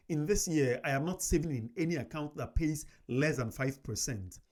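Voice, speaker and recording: A man's voice: fairly high pitch, darkish tone. A man hosting a personal finance video, talking casually to camera with frequent "you know" fillers. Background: faint background music.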